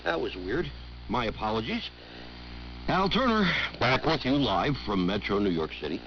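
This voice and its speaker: A man hosts a live call-in talk radio show with a smooth radio host delivery, his medium voice rising and falling with lively swings. He is assertive and pushes back on callers. The sound is dull and lo-fi, with a faint hiss underneath. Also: medium pitch, moderate pace. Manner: assertive, argues over callers.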